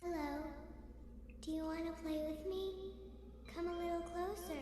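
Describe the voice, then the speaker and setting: A woman's voice: very high voice, fairly even intonation, normal speed, warm tone. A woman voicing a creepy little girl talking doll with a sweet, inviting baby voice, in scripted animatronic phrases. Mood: sweetly eerie. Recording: echoey, reverberant, noisy demo video playback.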